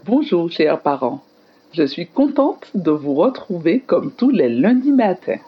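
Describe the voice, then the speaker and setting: A woman teacher giving a scripted radio lesson to children in an expressive, explanatory manner. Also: lowish voice, a little slow, highs cut off. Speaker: primary school teacher on radio.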